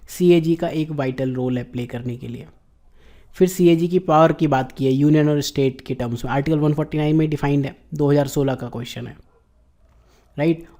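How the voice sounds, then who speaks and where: Mellow-voiced Indian man teaching exam prep. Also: a little high. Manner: explanatory, slows down to read English question text. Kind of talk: lecture explaining exam questions.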